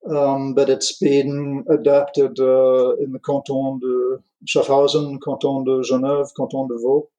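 An American-born man with an English accent blended with continental European tones, speaking as a guest in an interview in a thoughtful, unhurried way with frequent fillers. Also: medium pitch, monotone, mellow, lo-fi sound. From USA. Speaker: guest watch designer. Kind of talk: relaxed interview chat.

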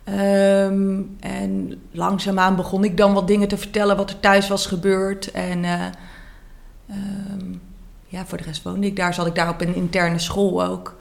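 A woman's voice: medium pitch, flat delivery, a little slow, creaky, reverberant. A woman reading her own story aloud in the first person, then answering interview questions with many hesitations. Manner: many hesitations and fillers when talking freely. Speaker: author and interview guest.

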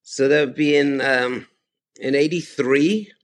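A man's voice: a little high, a little slow. A man in his fifties from Austria, chatting enthusiastically as a podcast guest and laughing often. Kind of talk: casual chat.

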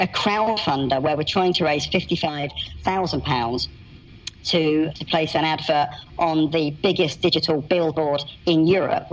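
A man's voice: fairly high pitch, poor audio. Man with an electronically disguised voice. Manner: earnest, explanatory, with many ums and uhs. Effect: voice electronically altered to disguise identity. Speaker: anonymous activist guest. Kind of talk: interview answers.

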